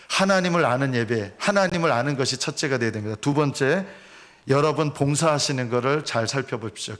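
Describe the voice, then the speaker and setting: Earnest pastor. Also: male voice, medium pitch, a bit bright. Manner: earnest, rhetorical questions to congregation. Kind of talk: sermon.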